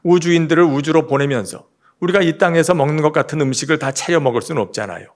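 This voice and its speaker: A man's voice: a little high, fast. A man preaching a broadcast sermon as pastor, addressing listeners directly and asking them many rhetorical questions.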